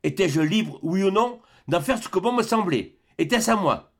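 A man voicing a young woman of twenty-two who answers her father calmly and firmly. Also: high-pitched. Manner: calm, firm, measured.

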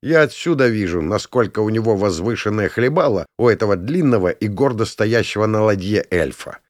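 A man's voice: fairly low pitch, expressive, fairly quick, no echo. A man narrating a first-person fantasy audiobook in a sardonic, crude manner.

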